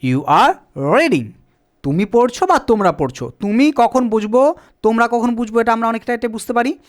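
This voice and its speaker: A male teacher explaining grammar in a patient, repetitive way, asking questions and answering them himself, sometimes spelling words out slowly letter by letter. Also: very high voice, lively intonation. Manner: asks and answers his own questions. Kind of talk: spoken English grammar lesson.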